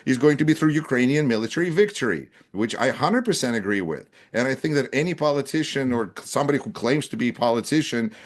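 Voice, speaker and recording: Talk show host, male, mid-pitched voice, animated and sarcastic, drops into mocking quoted voices. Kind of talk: political talk show conversation.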